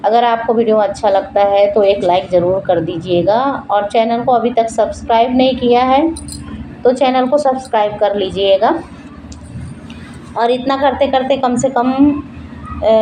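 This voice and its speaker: Middle-aged woman, home vlogger: mellow, fairly high voice, chatty homely commentary from her kitchen. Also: measured pace, a little hiss or hum, poor audio. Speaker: home cooking vlogger and mother. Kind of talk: casual vlog narration.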